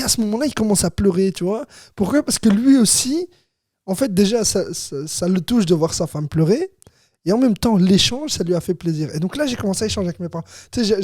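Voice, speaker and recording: A man's voice: high voice, dark tone, no echo. A man in his thirties with a Rifian Moroccan accent, hosting a casual studio podcast and telling stories, often saying "you see". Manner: storytelling, says "tu vois" often, laughs easily. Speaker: podcast host. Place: small warm studio.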